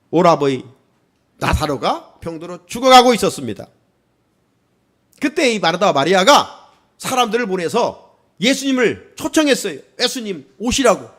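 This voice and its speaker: A man's voice: sits high, fairly bright tone. A male pastor preaching a sermon, asking the congregation questions and rising into exclamations.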